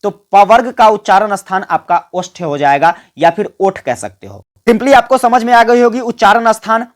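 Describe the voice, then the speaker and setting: In this exam-prep grammar lesson, a male teacher poses questions to his listeners, supplies the answers himself, and gets them to echo sounds along with him. He speaks at a moderate pace in a high, expressive voice.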